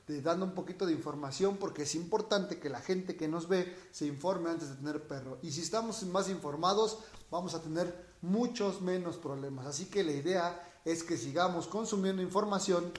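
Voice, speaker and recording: Raspy Mexican man in an echoey room. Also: high voice, a little fast. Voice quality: raspy, boozy-sounding voice. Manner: informal, explanatory, frequently checking with the listener. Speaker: dog trainer hosting a question-and-answer livestream. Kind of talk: casual chat answering viewer questions.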